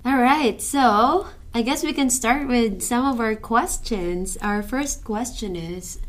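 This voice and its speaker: A woman's voice: on the high side, slow. A woman co-hosting a casual interview podcast, asking questions unhurriedly and laughing along. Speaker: podcast co-host.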